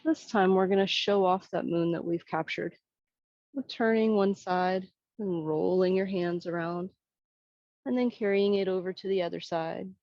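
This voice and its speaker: A woman instructor giving serene, soothing tai chi cues, gently guiding movement and breath in an unhurried way. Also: on the low side, fairly even intonation, dry recording, lo-fi sound.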